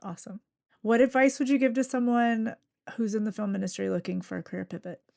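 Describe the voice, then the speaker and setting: A woman hosting a podcast interview, asking questions and telling quick, chatty stories, often laughing. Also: a little high, fairly even intonation, vocal fry, a little mellow. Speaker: podcast host. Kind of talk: casual interview chat.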